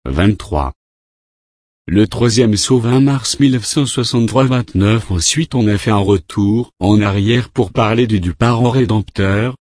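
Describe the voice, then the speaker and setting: A man preaching a sermon, reading numbered Bible verses aloud and commenting on each in a measured way. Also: fairly low pitch, darkish tone, no echo, clean studio sound.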